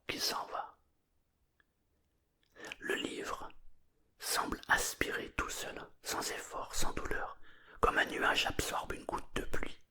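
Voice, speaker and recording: A narrator telling a bedtime story in a breathy, murmured whisper, hushed and soothing, with gentle pauses between phrases.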